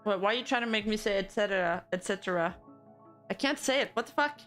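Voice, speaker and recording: A young Canadian woman, a VTuber commentary streamer, reacts to news and banters with her chat in a middle-pitched voice, talking fast. She laughs a lot and playfully denies whatever chat teases her about, while soft music plays faintly behind her.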